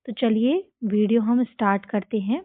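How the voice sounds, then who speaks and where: A woman with an Indian accent and a slightly high voice teaches children phonics, asking questions and repeating each word for them to echo back. The sound is thin and phone-like, close and dry with no room around it. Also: steady tone. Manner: slow, drilling repetition with call-and-response questions.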